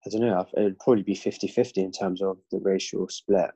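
A young Londoner with an English accent speaks quickly in a low, mellow, husky voice with a steady tone. As a podcast guest, he reflects earnestly in casual conversation. The recording is dull, lo-fi and dry, with no echo.

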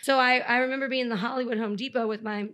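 A woman in her thirties, a musician guest, telling animated stories in a casual podcast chat. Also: on the high side, racing. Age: 30s. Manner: animated, laughing storyteller.

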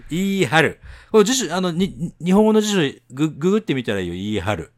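Animated, laughing man from Tohoku. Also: fairly high pitch, very fast, dry recording, clean studio sound. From Tohoku, Japan. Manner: laughs often, animated protests. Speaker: podcast co-host. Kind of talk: bilingual casual chat.

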